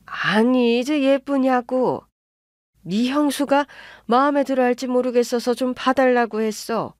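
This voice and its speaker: Pitching her voice above her natural register, a woman speaks at a measured pace as a dismissive mother-in-law in a storybook radio drama. The older character plays favorites with her elder son, waving away complaints and justifying herself. The studio sound is clean with no room noise.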